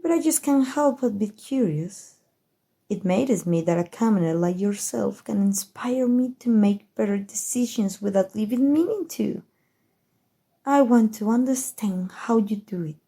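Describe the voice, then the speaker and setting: A woman with a Mexican accent plays a haughty evil queen in an ASMR roleplay, musing on her schemes to a single listener with playful condescension. Her dark, breathy, mid-range voice is animated yet leisurely, slow, and measured. She comes across as smug and coaxing.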